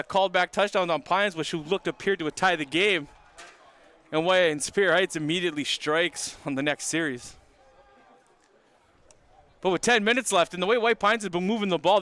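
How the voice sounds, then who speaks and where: A man calling play-by-play from a stadium booth, upbeat and quick to laugh. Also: sits high, pushed and bright, clean tone. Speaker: play-by-play commentator. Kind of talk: live sports commentary. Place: press booth at an outdoor stadium.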